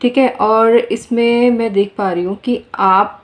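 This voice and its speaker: A woman's voice: fairly high pitch, steady tone, slow. Earnest woman reading tarot to camera. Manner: earnest, repeats phrases, addresses viewers directly. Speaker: tarot reader. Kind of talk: casual spoken tarot reading.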